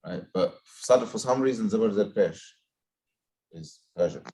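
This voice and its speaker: A man whose first language is Bengali teaching Quran recitation in a live class. He corrects students patiently and models words slowly. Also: lowish voice, expressive, darkish tone.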